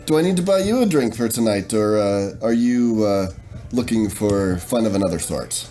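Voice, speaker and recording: A man's voice: lowish voice, animated, normal speed, dark tone, close to an everyday voice. A man voicing a resigned male mercenary who hems and hesitates, with faint music behind.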